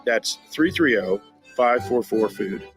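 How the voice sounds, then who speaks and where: Male ad voice, middle pitch, salesy, with guitar music behind. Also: lively intonation, slow. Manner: upbeat salesy read. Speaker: radio ad announcer. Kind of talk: scripted radio ad.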